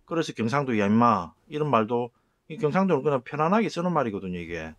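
A middle-aged man giving a lesson on words, sounding them out slowly and repeating each one. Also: medium pitch, sing-song. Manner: slow, repeating words aloud to show sounds. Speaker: channel host explaining word origins. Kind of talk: lecture on words.

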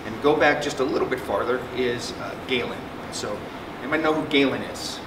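A little fast in a mid-range voice, the middle-aged psychiatrist keeps his symposium talk conversational and light with jokes, though fillers and restarts come often. Captured by a distant mic in an echoey conference room with a projector screen, the audio carries an air conditioning hum.

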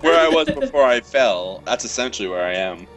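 A man's voice: mid-range voice, animated, a little fast, over loud music. A man in his thirties chatting casually as a player in a tabletop game. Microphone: headset on a group video call.

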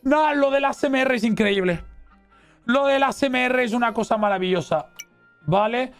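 A man with a Spain Spanish accent giving excitable, exclamatory let's play commentary as a gaming streamer. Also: extremely high pitch, normal speed, smooth, soft background music. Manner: excitable, exclamatory, cheering and reading chat aloud.

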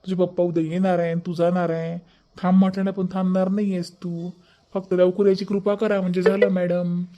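A fairly high male voice plays a joking young cartoon husband, as a man dubs him. He teases and grumbles with mock exasperation, in a Vidarbha Marathi accent. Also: little pitch movement, brisk, warm tone, lo-fi sound, close to an everyday voice. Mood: reasoning. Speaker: cartoon dub voice.

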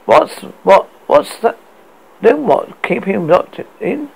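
A British man voicing a worried adult daughter in a story, with a gravelly voice. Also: high-pitched, sing-song, takes it slowly, darkish tone, voice pushed up, full character voice, poor audio. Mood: exasperated. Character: worried adult daughter fretting over her ailing father. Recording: noticeable background noise.

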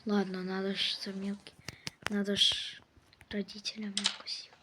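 A woman's voice: mid-range voice, completely flat delivery, pushed and bright, slight background noise. A woman giving casual let's-play commentary, scolding and swearing at the game characters as she plays. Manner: slow, drawn-out delivery. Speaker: gameplay commentator.

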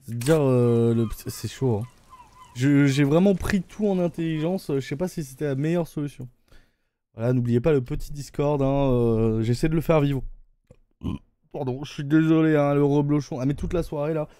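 A man's voice: fairly high pitch, normal speed, mellow, no room sound. A man with a French accent giving casual live-stream commentary while playing a game, rambling and hesitant with lots of fillers. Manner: rambling, hesitant, lots of "euh" and repeated "attendez".

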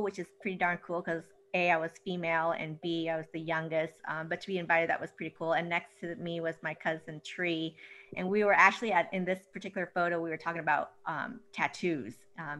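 A woman's voice: on the low side, fairly bright tone. A woman author chatting casually on a video call, walking a book group through her photos with plenty of ums. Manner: chatty, filler-heavy, laughs easily.

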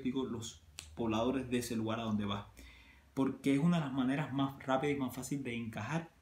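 Cuban-accented man, casual vlogger, roomy echoey sound, mid-range pitch, chatty with lots of examples. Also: darkish tone. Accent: Cuban Spanish. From Cuba. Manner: conversational, many restarts and examples. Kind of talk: casual talk to camera.

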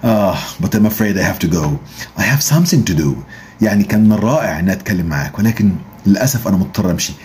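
A man with an Egyptian Arabic accent giving a casual English lesson, saying the English phrases very slowly and then adding quick joking asides. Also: lowish voice, animated, a little mellow, slight background noise. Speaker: English teacher.

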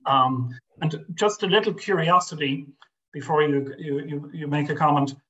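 Heard through lo-fi webcam sound, an older man from Ireland speaks at normal speed in a slightly high, somewhat bright voice. A guest scholar on a video call from his home study, he's reflective and hesitant, restarting frequently and leaning on fillers.

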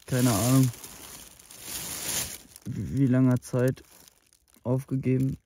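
At night in the woods, an exhausted, soaked young survival vlogger talks into an action camera held close, giving casual outdoor commentary. His speech is plain, tired, and full of fillers, with a slow pace and a warm, steady, medium-pitched voice. A little hiss or hum sits under the recording.

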